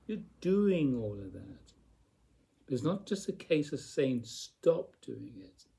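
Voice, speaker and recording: A man giving a slow, reflective spiritual talk, speaking deliberately with long pauses and repeated phrases. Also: on the high side, sing-song, vocal fry, mellow, breathy edge. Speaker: spiritual teacher.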